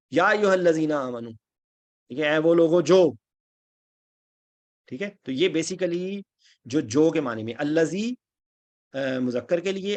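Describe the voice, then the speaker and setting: A man with a fairly high-pitched voice leads an online Quran grammar lesson. He reads out lists of Arabic word forms one by one. He stops often to ask whether his students are following. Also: darkish tone. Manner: patient, repeats "theek hai?" to check understanding.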